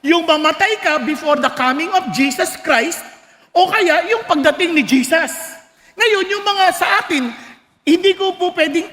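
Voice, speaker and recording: A Filipino-accented male pastor preaching in a high, bright voice that carries through a long-echoing hall. He moves between Tagalog and English and keeps things light with jokes for the congregation. His tone is lively and direct. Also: a little slow. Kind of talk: sermon.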